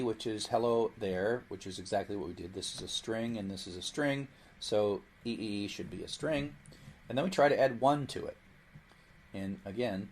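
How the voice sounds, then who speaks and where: A man's voice: on the low side, breathy edge. A man teaching programming in a recorded lecture, explaining patiently and voicing the computer in playful asides. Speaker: programming instructor.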